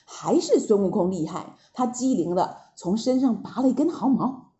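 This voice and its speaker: A woman narrating a classic children's story in an expressive, animated way. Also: medium pitch, normal speed, lo-fi sound.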